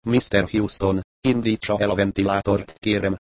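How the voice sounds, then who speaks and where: A man's voice: on the low side, flat delivery, no echo, natural voice. A man reading aloud, voicing a cold, cruel male villain who grumbles out orders. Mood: grumbling.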